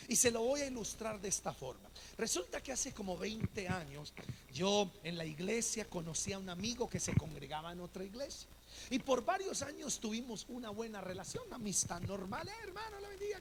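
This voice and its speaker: A middle-aged man delivers a sermon from the pulpit. His voice sits very high and carries a gravelly rasp. He tells his story by acting out each person he quotes. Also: a little hiss or hum. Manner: storytelling, acts out the people he quotes. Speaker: pastor. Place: church.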